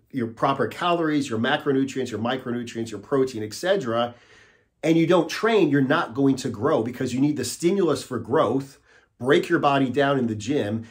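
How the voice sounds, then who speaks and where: Emphatic man in his forties coaching. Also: mid-range voice. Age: 40s. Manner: emphatic, repeats "okay?" to drive points home. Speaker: fitness coach. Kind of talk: direct-to-camera fitness talk. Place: small indoor studio, plain grey backdrop.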